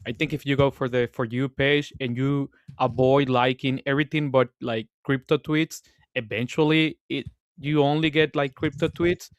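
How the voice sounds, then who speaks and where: A man's voice: medium pitch, fairly even intonation, normal speed, no room sound, clean studio sound. A man co-hosting a casual markets podcast, laid back and leaning on "like" fillers. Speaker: co-host.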